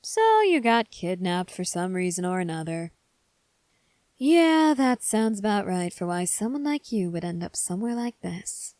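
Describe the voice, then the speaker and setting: A woman playing a cynical, taunting gang member in an ASMR role-play, speaking in a sardonic, teasing, unhurried way. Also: mid-range voice, big pitch swings, darkish tone, no echo. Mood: dry, probing.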